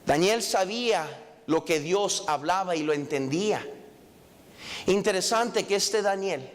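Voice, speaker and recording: A man's voice: high-pitched, expressive, measured pace, big-room sound. A man preaching a sermon as pastor in a church auditorium, pressing his points with repeated questions and rising emphasis.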